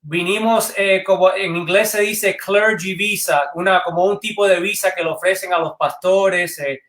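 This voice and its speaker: A man from Cuba, a band director, answering interview questions in a measured, thoughtful way over a video call. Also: sits high, a bit bright. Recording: echoey room sound.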